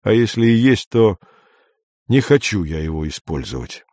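A man reading an audiobook, voicing a weary grown man who speaks low, tired and curt. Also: big pitch swings, normal speed, darkish tone, dry recording.

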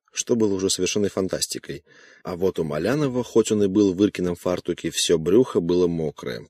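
Low-voiced man narrating an audiobook. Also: a little mellow, slightly rough, no echo, studio quality.

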